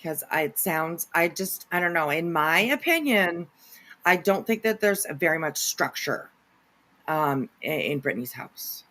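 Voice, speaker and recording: A woman hosting a casual livestream, salty and teasing, who playfully hushes her audience in half-whispers. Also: deep voice, expressive, a little slow. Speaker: livestream host reacting to a clip. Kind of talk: casual chat, commentary.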